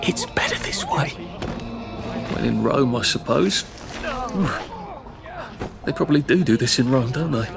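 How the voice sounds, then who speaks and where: A man's voice: mid-range voice, animated, measured pace, gravelly, long pauses, music in the background. An actor voicing a wry, nervous young man in a video game, muttering dry self-mocking asides.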